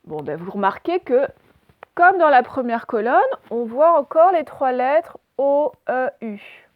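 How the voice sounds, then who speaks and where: Woman teacher, higher voice, slow careful diction, dry dull recording, asks and answers her own questions. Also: lively intonation, no echo. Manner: slow, clearly articulated, asks questions and answers them herself. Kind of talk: recorded reading lesson for children.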